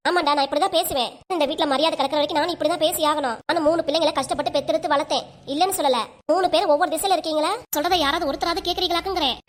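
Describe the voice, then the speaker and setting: A woman's voice: high voice, lightly acted. A woman voicing a stubborn, bitter elderly grandmother in a cartoon, talking with a Kanyakumari Tamil accent. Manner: rapid, scolding and reproachful. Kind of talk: cartoon voice acting.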